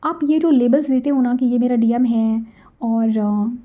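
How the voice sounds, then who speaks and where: A woman with a high voice shares a personal story and gives advice in a casual, chatty way. She keeps checking in with her listeners and slips English words in as she talks. The recording sounds dull and lo-fi. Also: measured pace. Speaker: twin flame spiritual channel host.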